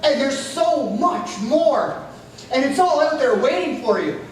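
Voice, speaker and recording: An actor playing an excitable, hopeful comrade in a stage comedy. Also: sits high, measured pace, a little hiss or hum. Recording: echoey hall from far off.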